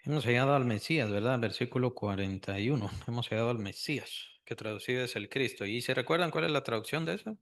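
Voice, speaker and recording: A man's voice: medium pitch, fast talker, few pauses, fairly bright tone. A man teaching a Sunday school Bible lesson, asking the class questions and repeating key phrases.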